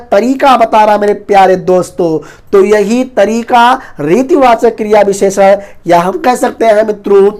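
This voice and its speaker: A man teaching an online exam-prep Hindi lesson, talking very fast and loudly and often calling the viewers his friends. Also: high-pitched. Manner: fast, rapid-fire delivery; loud, near-shouting teaching.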